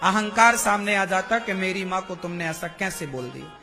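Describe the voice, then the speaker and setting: Male preacher, very high bright voice, slow sermon delivery with questions to the crowd. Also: expressive, faint music behind. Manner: slow, questioning the audience, acts out quoted speech.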